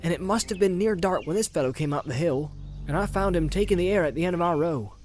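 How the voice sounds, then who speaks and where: A man's voice: sits high, fast talker, darkish tone, faint music behind, voice pushed up, natural voice. Sam, a man doing a rustic humble hobbit. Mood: flustered. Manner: rustic, deferential. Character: loyal male hobbit servant, humble and earnest.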